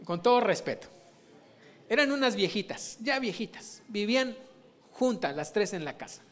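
A man's voice: high-pitched, expressive, normal speed, fairly bright tone, soft background music. A man giving an informal sermon, chatting to his congregation and tossing in rhetorical questions.

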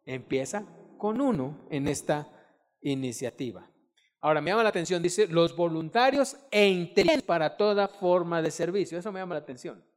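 A middle-aged man preaching a sermon, animated, acting out quotes and breaking into loud shouted bursts. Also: on the high side, normal speed. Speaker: pastor. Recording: long hall reverb.

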